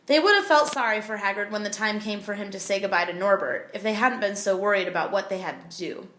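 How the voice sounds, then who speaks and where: A woman reading a children's novel aloud, with expressive, clear storytelling. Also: mid-range voice, quick pace, roomy sound, a little hiss or hum. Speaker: audiobook reader.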